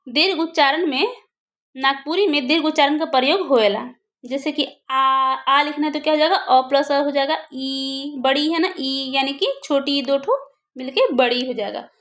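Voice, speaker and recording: Woman teacher, high voice, exam grammar lesson, asks and answers her own questions. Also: a bit bright.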